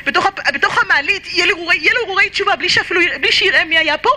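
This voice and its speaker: A woman's voice: extremely high pitch, pushed and bright. A woman teaching a group of women and leading them in prayer, fervently crying out verses with a half-sobbing voice and tenderly addressing her listeners.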